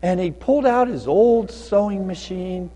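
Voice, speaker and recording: A man telling a story during a children's sermon in church, animated and playful. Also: high voice, a little slow. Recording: long church reverb.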